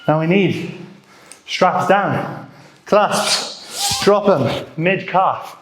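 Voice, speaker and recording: A man's voice: sits high, expressive, very slow, noisy background. A man coaching a live workout, giving short encouraging commands and countdowns, a little out of breath. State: getting out of breath. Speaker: fitness coach. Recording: roomy echo.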